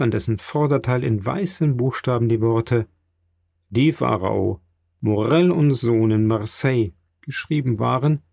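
A man narrating a classic novel aloud in a measured, steady reading. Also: medium pitch, vocal fry, no room sound, clean studio sound. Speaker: audiobook narrator. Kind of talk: scripted narration.

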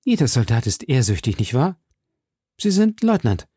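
A man's voice: mid-range voice, big pitch swings, moderate pace, warm tone, breathy edge, dry recording, clean studio sound. A man reading an audiobook, voicing a captive noblewoman who pleads fervently and passionately. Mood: pleading. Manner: impassioned, pleading.

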